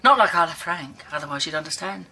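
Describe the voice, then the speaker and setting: A woman's voice: deep voice, expressive, fast, slight background noise, full character voice. An actress playing a blunt, earthy older woman in a television soap drama. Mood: reflective. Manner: blunt and earthy, softening into quiet remembering.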